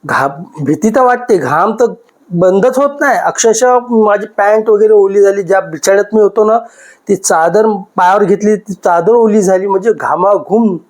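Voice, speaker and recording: A man in his fifties with a fairly high voice tells a podcast host about a ghost encounter from his past. He talks in an emotional, repetitive way and keeps circling back to the same moments. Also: moderate pace, darkish tone. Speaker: podcast guest. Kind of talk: recounting a personal ghost experience.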